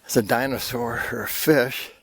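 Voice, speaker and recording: A man's voice: mid-range voice, fairly even intonation, moderate pace. An older man talking casually while hiking a canyon trail, out of breath, rambling easily with fillers into his handheld camera. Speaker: hiking vlogger. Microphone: handheld camera while walking. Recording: loud outdoor noise.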